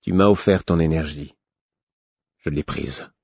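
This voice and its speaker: A man doing a weary, gruff royal man. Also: a little slow, a little mellow, no room sound, lo-fi sound, exaggerated voice. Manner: low, tired and gruff.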